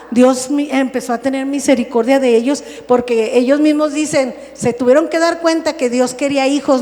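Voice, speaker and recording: A woman's voice: on the high side, darkish tone. An older woman pastor, preaching in a chatty way and often asking "¿verdad?". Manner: conversational preaching, frequent "¿verdad?" tag questions. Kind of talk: sermon. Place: church hall. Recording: long reverb of a church hall.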